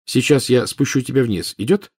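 A man's voice: mid-range voice, normal speed, a little mellow, husky, pitched above the performer's own voice, close to an everyday voice. A man reading an audiobook, voicing an impatient, incredulous teenage boy wizard. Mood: placating.

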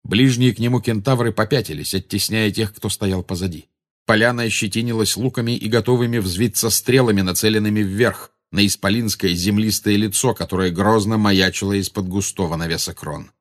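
A man narrating an audiobook with steady, dramatic storytelling. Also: on the low side, fairly quick. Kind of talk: scripted narration.

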